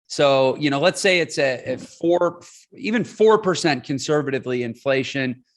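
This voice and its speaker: A man in his forties, appearing as a podcast guest, speaks in a mid-range, expressive voice at normal speed. In this casual interview, he explains his points emphatically and keeps checking in with "right?"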